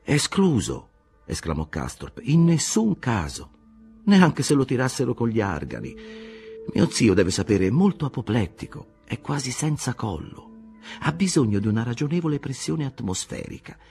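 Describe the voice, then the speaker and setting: A man's voice: mid-range voice, very animated, moderate pace, creaky, warm tone, faint music behind, pitched above the performer's own voice. A man voicing a young, earnest German engineer explaining himself patiently in an audiobook reading. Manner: earnest, explanatory, slightly defensive.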